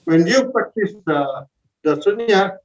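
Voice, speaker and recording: Slow, halting Malaysian man teaching meditation. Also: sits high, expressive. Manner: halting, with many fillers and repeated words. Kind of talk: slow spoken instruction at a virtual gathering. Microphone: video call. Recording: dull lo-fi online call audio.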